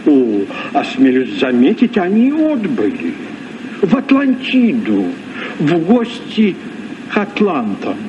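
A man's voice: a little high, wildly swooping pitch, takes it slowly, heavily acted. A man playing a courteous, flowery storybook seafarer from the East in a children's radio play, ornate and deferential. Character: Sinbad the Sailor, courteous, flowery Eastern seafarer. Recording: muffled, noisy old radio recording.

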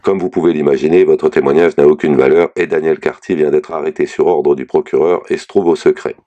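In a storybook reading, a man with an extremely deep voice and a dark, mellow tone plays a frank, blunt and candid middle-aged lawyer. He lays out bad news in measured, level sentences in a steady, grim manner, and the audio has its highs cut off.

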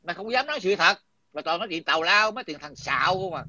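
A man's voice: high-pitched, animated, fast, sharp tone, no room sound. A middle-aged man, talking in a heated, coarse and combative way, repeating himself. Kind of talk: heated casual talk. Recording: dull lo-fi dry sound.

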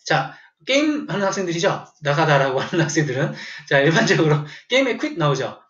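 A man's voice: fairly high pitch, very animated, brisk, a bit bright. Jokey male teacher in an echoey classroom. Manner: jokey, storytelling, quizzing students. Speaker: English vocabulary teacher. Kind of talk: classroom lecture. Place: classroom with students. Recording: echoey room, dull lo-fi sound.

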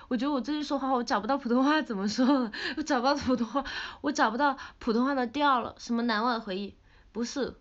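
Playful pouty woman with a Sichuan accent. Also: on the high side. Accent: Sichuan Mandarin. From Sichuan, China. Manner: playful, pouty, chatty, laughs often. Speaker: idol livestreamer. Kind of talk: casual livestream chat reading comments. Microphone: phone camera. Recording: dull lo-fi livestream audio.

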